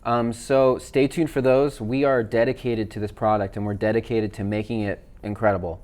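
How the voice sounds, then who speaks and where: A man, a worship leader, walking viewers through app features in a relaxed, chatty way with fillers. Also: fairly low pitch, moderate pace. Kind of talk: casual software demo. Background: backing tracks playing.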